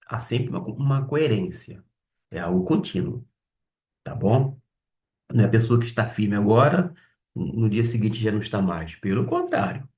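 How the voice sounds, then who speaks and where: A man, his low voice moving at a very unhurried pace. He teaches a Bible Greek lesson, carefully repeating each word he explains. He sits a little back from the microphone. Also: a little mellow, distant mic. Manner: deliberate, pausing to spell out and repeat Greek words.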